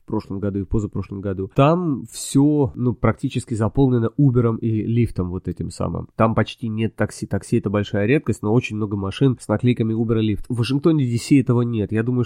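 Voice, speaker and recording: A man's voice: on the low side, a little fast, few pauses, warm tone, no echo, studio quality. A man hosting a solo podcast, chatting casually and thinking aloud as he goes. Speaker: podcast host.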